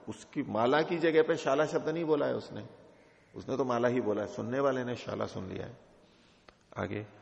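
A male teacher giving a scripture commentary lecture, reciting Sanskrit lines slowly and then explaining them in a measured way. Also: medium pitch, creaky. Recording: dull recording in a reverberant hall.

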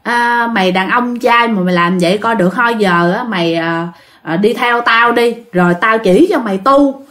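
A woman's voice: on the high side, moderate pace, fairly bright tone, close to an everyday voice. A woman voicing a stern female spirit medium who bluntly threatens a ghost.

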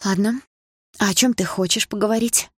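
A woman voicing a hurt, sharp-tongued teenage schoolgirl in an audiobook, with a biting, sarcastic edge. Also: mid-range voice, fairly even intonation, normal speed, breathy edge, no echo, studio quality, pitched above the performer's own voice, natural voice. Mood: nervous. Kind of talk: audiobook character reading.

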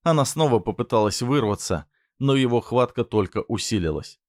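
A man narrating a story in a steady, even reading voice. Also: mid-range voice, normal speed, dry recording, clean studio sound.

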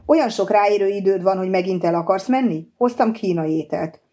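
A woman reading the lines of an upset, indignant young woman in an audiobook, firing off sharp questions. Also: mid-range voice, natural voice.

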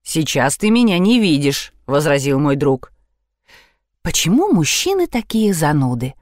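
A woman narrating an audiobook expressively, raising her pitch for the characters. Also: unhurried, no echo, studio quality. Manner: lively, voices characters with raised pitch.

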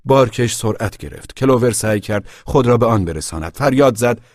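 A man narrating a storybook in a measured, grave, dramatic way. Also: mid-range voice, lively intonation, darkish tone, dry recording, studio quality. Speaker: audiobook narrator.

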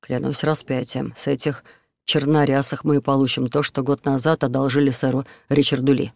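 A man's voice: mid-range voice, little pitch movement, brisk, creaky, no room sound, studio quality, lightly acted. A man voicing a big, cocky outlaw who mocks and threatens. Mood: sly. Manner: sarcastic, threatening. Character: big bold mocking male outlaw.

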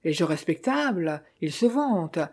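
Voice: medium pitch, normal speed, dark tone, close to an everyday voice. A narrator voicing a cheeky young male actor who mocks and jokes in a storybook reading. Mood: mocking. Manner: mocking, boisterous.

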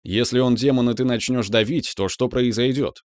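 A man's voice: medium pitch, steady tone, normal speed, a little mellow, dry recording, clean studio sound, lightly acted. A man voicing a stern, commanding older mentor, a veteran mage, in an audiobook. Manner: commanding, matter-of-fact.

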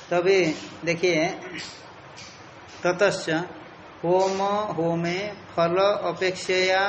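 A man's voice: sits high, echoey room, dull audio, slight background noise. A man teaching a Sanskrit philosophy lecture, explaining step by step and repeating the key terms.

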